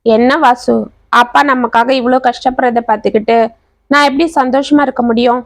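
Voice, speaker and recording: A woman's voice: high-pitched, steady tone, normal speed, no room sound, lightly acted. A woman voicing an earnest, anxious young man who is a devoted son. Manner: earnest and pleading.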